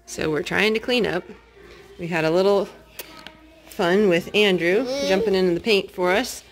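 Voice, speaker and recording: This parent, hosting a kids' craft video, speaks in a fairly low voice and a little slowly, cheerfully narrating the project in a sing-song tone as she chats with small children. Faint music plays behind her, and she is filmed on a handheld phone in a wood-floored living room at home.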